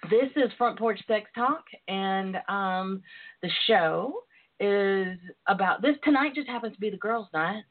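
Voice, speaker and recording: A woman's voice: mid-range voice, unhurried. A woman hosts a casual talk show. She is sassy and flirtatious, addressing people with endearments. The sound is narrow and tinny, like internet radio over a phone. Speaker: talk show host, relationship and intimacy coach. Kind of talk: casual radio call-in chat.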